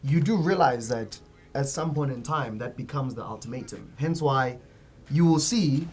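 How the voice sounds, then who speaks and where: A man's voice: medium pitch, normal speed, darkish tone. Stammering man hosting. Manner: stammering restarts, probing questions. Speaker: host. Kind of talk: casual panel chat.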